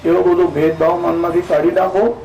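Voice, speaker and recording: A woman gives a devotional storytelling discourse in a gravelly voice, acting out the characters' lines as the tale goes on. She chants verses slowly and deliberately. She sounds distant from the mic in an echoey room, with a faint hiss behind her. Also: fairly low pitch, level tone, mellow, dull audio. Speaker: spiritual speaker.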